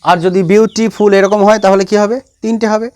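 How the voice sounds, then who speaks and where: A man's voice: sits high, level tone, fairly quick, a little mellow, smooth. A man teaching a science class, repeating key points and quizzing his students. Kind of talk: classroom lecture.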